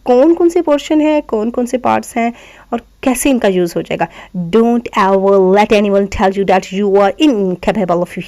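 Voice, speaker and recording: A woman teacher giving a phonetics lesson. She reads English lines slowly and deliberately, then explains them in quick conversational asides and demonstrates the sounds aloud. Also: mid-range voice, darkish tone. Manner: demonstrates sounds aloud, addresses listeners as "janab".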